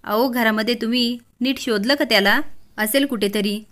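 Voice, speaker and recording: A woman voicing a calm, soothing man in a family drama story. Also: a little high, moderate pace, close to an everyday voice.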